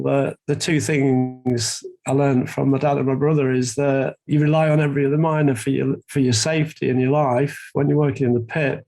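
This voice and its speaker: A man's voice: mid-range voice, gravelly, darkish tone, poor audio. A middle-aged man from South Yorkshire with a faint Yorkshire accent, speaking as a charity chief executive in a podcast interview, reflective and anecdotal with many fillers and restarts. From South Yorkshire, England.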